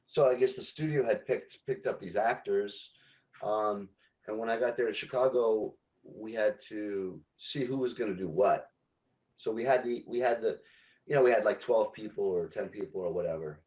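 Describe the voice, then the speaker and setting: A man, a game localization director, answering podcast interview questions haltingly, with many ums and restarts. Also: on the low side, a little mellow, muffled recording.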